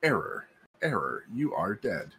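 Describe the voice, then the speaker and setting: A man voicing a glitching robot bank terminal that calls out errors in flat, clipped words. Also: on the low side, measured pace, husky, pitched below the performer's own voice, full character voice. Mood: robotic.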